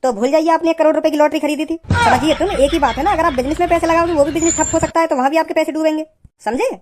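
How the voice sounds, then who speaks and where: A pushy cartoon salesman, voiced by a woman, who talks fast and high. He keeps up a smooth, persuasive sales patter without pausing. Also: background noise, natural voice. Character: smooth-talking male lottery salesman, pushy. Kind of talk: cartoon voice acting.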